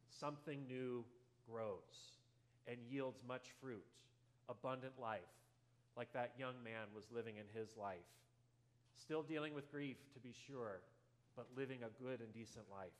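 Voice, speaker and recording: A male pastor preaching a sermon in a church, telling a story earnestly and going softer at tender moments. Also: medium pitch. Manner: earnest storytelling, drops softer for quoted lines.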